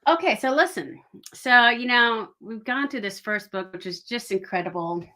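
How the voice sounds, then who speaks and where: Casual podcast guest: middle-aged Texan woman, forceful bright tone, R's softened toward W's. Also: a little high, expressive, moderate pace. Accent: Texas. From Texas, United States. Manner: soft R's and W's that blur together, w-like r. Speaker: guest, author and audiobook voice actor. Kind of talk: casual chat.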